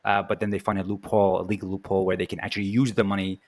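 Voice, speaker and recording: A man from Iraq hosting a conversational interview, asking questions in a hesitant, halting way. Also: low voice, flat delivery. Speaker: podcast host.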